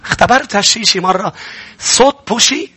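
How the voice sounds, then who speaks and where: A male pastor with a Lebanese accent preaching a sermon, swinging between low earnest tones and high emphatic bursts. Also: fairly quick, pushed and bright, slightly rough.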